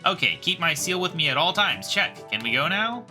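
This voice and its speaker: A man's voice: fairly high pitch, very animated, moderate pace, music in the background, pitched above the performer's own voice. A man voicing an earnest, polite young male adventurer hero in a game playthrough.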